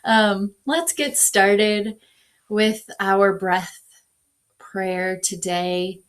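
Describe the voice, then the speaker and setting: Woman, devotional leader; calm, slow-paced guided breathing, steady medium voice. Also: mid-range voice. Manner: calm, unhurried guidance.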